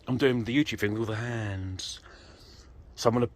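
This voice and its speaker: Speaking at a moderate pace in a lowish voice, a British man rambles informally into a handheld camera as he works on an off-road vehicle outdoors. He's a vlogger and hobbyist vehicle DIYer, and his walkthrough is casual and self-deprecating. The handheld phone or camera mic captures a noisy track with the vehicle's ambience around him.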